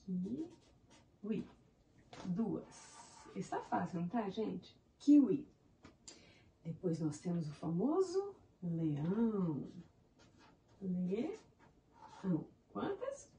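A primary school teacher speaking Brazilian Portuguese counts the syllables of animal names with young children, spelling words out in syllables and praising them encouragingly as she goes. Her voice is fairly low, mellow, and sing-song, extremely slow with frequent pauses. She sounds far from the mic, with a little hiss or hum.

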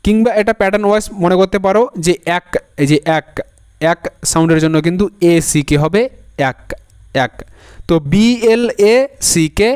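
A man teaching English spelling in a lesson video, slowly spelling out each word letter by letter and repeating it patiently. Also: high-pitched, a little mellow, smooth. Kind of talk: Bengali-language spelling lesson.

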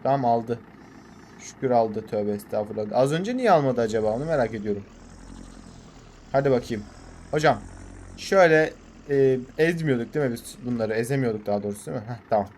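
A young Turkish man commenting on his farming game in a casual, excitable way, swearing and urging his tractor on. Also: medium pitch, a little fast, slight background noise. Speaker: gaming channel host.

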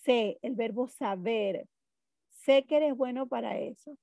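Slow, patient woman teaching spelling. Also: a little high, creaky, dark tone, no echo, studio quality. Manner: explains slowly with examples, checks in with "¿ok?". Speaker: Spanish teacher. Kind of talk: online class lesson.

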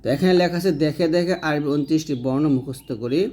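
A man teaching Arabic letter pronunciation, patiently repeating each sound slowly for learners to copy. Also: a little high, mellow. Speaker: Quran reading teacher. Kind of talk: step-by-step pronunciation lesson.

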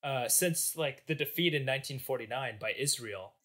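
A man's voice: medium pitch, normal speed, fairly bright tone. A man hosting a casual history podcast, telling the story in a jokey, slangy way. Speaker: podcast host.

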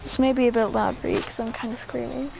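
A woman playing a video game and commentating excitedly, shrieking and squealing at every play, with a sore throat. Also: a little high, fast talker, vocal fry, low-quality recording. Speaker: gamer. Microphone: headset mic near the ear.

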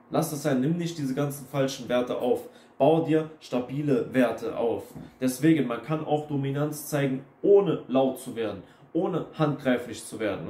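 In a warm, mid-range voice, a young man hosting a self-help video gives a blunt, casual monologue to camera. He repeats himself, lectures, and drops in English phrases; the room has an echo.

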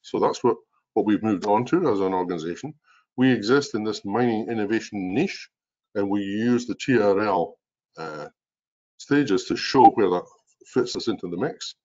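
Man, 60s, broad Scottish accent. Low-pitched executive presenter explaining on a webinar, dull video-call sound. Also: normal speed, a little mellow. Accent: strong Scottish. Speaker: organization president and chief executive, presenter. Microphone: video call computer mic.

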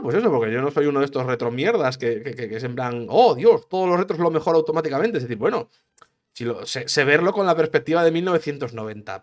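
A man hosting a casual solo podcast, rambling and chatty, with frequent restarts and swearing. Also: medium pitch. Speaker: podcast host, gaming streamer.

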